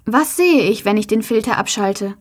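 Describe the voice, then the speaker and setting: A woman's voice: mid-range voice, expressive, moderate pace, breathy edge. A woman voicing an anxious young woman who asks urgent, questioning things in a story reading.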